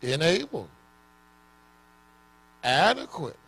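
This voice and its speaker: Animated male preacher, high-pitched and lively, calling on the congregation. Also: very slow, gravelly, breathy edge. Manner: call-and-response, engaging the congregation; animated, bursts into shouts. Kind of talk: sermon.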